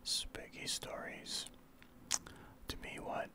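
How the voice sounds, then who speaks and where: Whispering man, ASMR game commentary. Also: slow. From Saskatchewan, Canada. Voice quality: soft breathy whisper. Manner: explanatory, informal gamer talk. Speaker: streamer, ASMR channel host.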